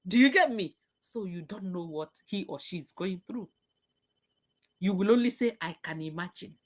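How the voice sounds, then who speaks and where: A woman's voice: medium pitch, expressive, normal speed. A woman hosting a live talk show, reading out viewer comments and stressing points by repeating them. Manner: emphatic, repeats key phrases.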